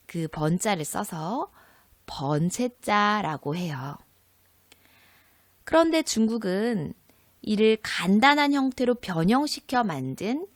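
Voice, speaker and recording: Woman teacher, recorded lesson, slow careful delivery, animated pitch. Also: no echo. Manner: slow, clear classroom explaining with questions to students. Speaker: high school Chinese teacher.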